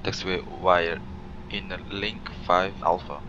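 A man's voice: deep voice, steady tone, a little slow, pushed and bright, muffled recording. A man with a German first language making clipped pilot radio calls to air traffic control into a cockpit headset mic. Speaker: flight sim pilot on an online air traffic network.

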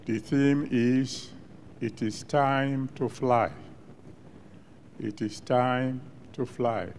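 Speaking very slowly in a steady, darkish mid-range voice, an older man with a Nigerian accent delivers a pastor's blessing. He repeats rhythmic declarations into a handheld mic on a big studio stage, with slight background noise audible.

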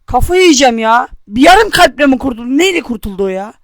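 A man's voice: very high voice, sing-song, quick pace, dry recording. A young man from Turkey giving angry, cursing gameplay commentary, taunting his opponents as he plays. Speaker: gamer.

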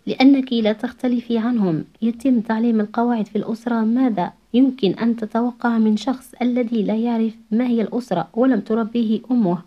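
Woman reading as a cutting, belittling matriarch, quick and a bit high, dull lo-fi sound. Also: fairly even intonation, natural voice. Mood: scornful. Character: cold scornful older woman, matriarch. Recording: dull lo-fi recording.

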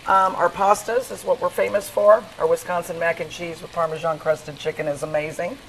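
A woman's voice: lowish voice, fairly even intonation, fairly quick, a little hiss or hum, low-quality recording. A woman cooking in a restaurant kitchen as she chats on a TV segment, upbeat and eager, laughing easily. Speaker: restaurant cook. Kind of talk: cooking demo chat. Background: food sizzling on the stove.

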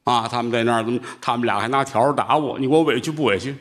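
A man playing a foolish, weeping male vegetable peddler who whines and sobs in a high voice. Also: racing, natural voice. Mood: pleading. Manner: whining and sobbing in a high voice.

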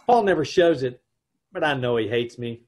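A middle-aged man plays a wry, exasperated husband in an old-time radio comedy, wisecracking about his troubles as he narrates. His medium-pitched voice is expressive and a little mellow, close to an everyday voice, at normal speed over a video call mic.

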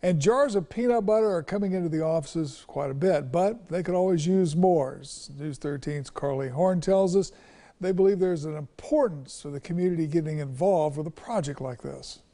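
A man's voice: on the high side, moderate pace, dark tone. A middle-aged man presenting the news as an anchor in a TV studio.

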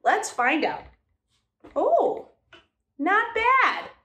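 A woman's voice: very high voice, sing-song, drawn-out words, sharp tone. A woman teaching a music class for young children, talking in a cheerful, sing-song way and coaxing the kids to join in.

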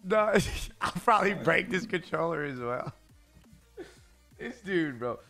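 A man's voice: fairly high pitch, expressive, slow, sharp tone, soft background music. A man in his thirties hosting a casual gaming chat on a headset, teasing playfully and talking in slang. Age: 30s. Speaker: streamer host. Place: streaming room, indoors.

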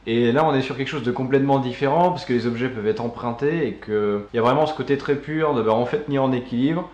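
A man's voice: medium pitch, darkish tone, roomy sound, dull audio. A man co-hosting a casual magic news show, talking loosely with many fillers and restarts. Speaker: co-host.

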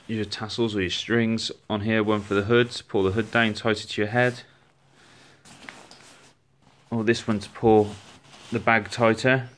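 Brief: a man, lowish voice, relaxed and chatty, reviewing gear on a handheld phone at home. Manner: chatty, relaxed, with frequent restarts. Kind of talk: casual product walkthrough. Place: indoors at home, on a rug.

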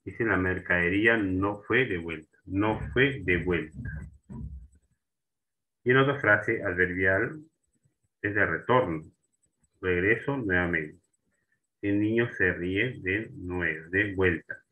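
Slow, bright-voiced male grammar teacher. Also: low voice, poor audio. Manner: slow and repetitive, restarting words and asking for agreement. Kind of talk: grammar lesson.

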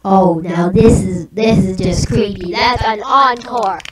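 Excitable woman through a robot voice changer. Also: mid-range voice. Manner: excitable, chatty, quick to exclaim. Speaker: video creator reacting to an animation. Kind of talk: casual reaction commentary. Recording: echoey room, distant mic, music behind.

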